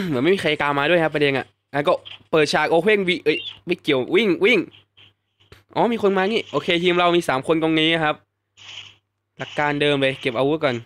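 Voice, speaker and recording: Young male streamer, bright tense voice, a bit high, excitable commentary, casual swearing. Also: brisk, a little hiss or hum. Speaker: gaming YouTuber. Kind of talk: live gameplay commentary. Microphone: desk mic at home, fan noise behind.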